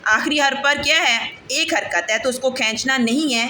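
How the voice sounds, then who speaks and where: High-voiced woman teaching Quran letters. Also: pushed and bright, a little hiss or hum. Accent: Pakistani Urdu. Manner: patient, drills letters slowly and asks the class to repeat. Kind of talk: teaching reading aloud with recitation drills.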